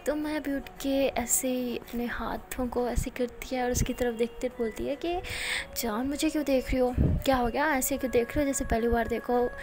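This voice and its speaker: A young woman with an Indian accent and a voice on the high side narrates a romantic story, performing both characters' dialogue herself. She moves between soft narration and lively voiced lines, and the background is noisy.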